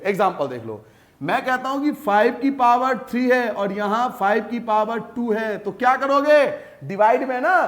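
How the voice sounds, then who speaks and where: A man's voice: extremely high pitch, a bit bright. A man teaching a maths lesson, repeating each rule and quizzing his students as he goes. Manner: repeats rules, quizzes students, calls them beta.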